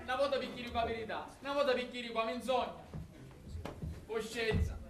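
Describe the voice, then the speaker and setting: An actor playing an indignant, much-beaten servant with a Sicilian accent, lamenting in a stage comedy. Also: male voice, extremely high pitch, brisk, a bit bright, soft background music. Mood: indignant, aggrieved. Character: indignant, beaten servant protesting his fate. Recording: distant, echoey, noisy theatre stage.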